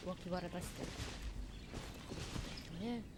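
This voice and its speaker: A woman's voice: lowish voice, extremely slow, noisy background. A young adult woman streaming a game with chatty, giggly commentary, often echoing the game's lines. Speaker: VTuber streamer. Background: game music.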